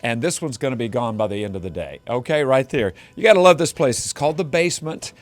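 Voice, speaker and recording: A man's voice: mid-range voice, animated, fast talker, dry recording. A man reporting live on a morning news show from inside a game shop, upbeat and joking with the people he meets. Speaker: field reporter.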